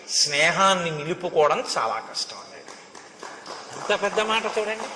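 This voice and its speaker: Bright high-voiced man giving a devotional discourse. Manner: expressive retelling, chants Sanskrit verses and explains them. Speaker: religious discourse speaker. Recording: echoey hall with long reverb.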